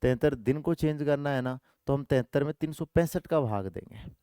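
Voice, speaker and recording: Male math teacher, call-and-response style, repetitive, smooth clear voice, dry close sound. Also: mid-range voice, fairly quick, mellow, dry recording. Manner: repetitive call-and-response, puts answers in students' mouths; affectionate coaxing, calls students 'my dear brother'. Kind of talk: online exam-prep math lesson.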